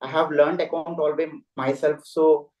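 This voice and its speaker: A man's voice: a little high, little pitch movement, normal speed, darkish tone, lo-fi sound. A young man with an Indian accent, a deferential and hesitant interview candidate speaking formally in a roomy, echoey recording. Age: young adult. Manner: deferential, hesitant, says sir constantly.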